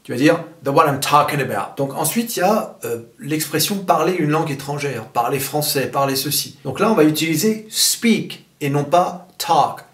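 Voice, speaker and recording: A man giving a casual English lesson, speaking in a relaxed way with many fillers and switching into English example sentences. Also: on the high side, moderate pace, hardly any pauses, reverberant. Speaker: English teacher.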